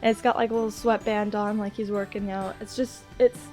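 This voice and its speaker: A woman's voice: mid-range voice, little pitch movement, fairly quick, mellow, faint music behind. A woman with a stuffy, nasal voice from a cold, chatting casually and gushing girlishly in a vlog. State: congested with a cold. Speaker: vlogger showing gifts to viewers.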